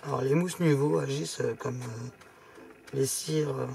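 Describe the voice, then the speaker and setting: A woman's voice: a bass voice, unhurried, vocal fry, noisy background. A woman giving a chatty, casual step-by-step craft demonstration, explaining as she works. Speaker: craft tutorial host.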